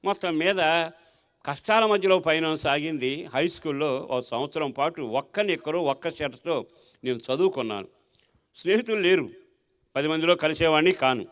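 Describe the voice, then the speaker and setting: A male pastor telling his life story in a sermon, asking rhetorical questions and swinging between strong and soft feeling. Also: on the high side, animated, normal speed. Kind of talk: sermon testimony.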